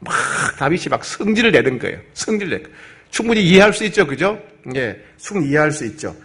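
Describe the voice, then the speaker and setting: Animated male pastor teaching scripture. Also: on the high side, fast talker. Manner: animated, asks the congregation questions. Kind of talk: Bible study sermon.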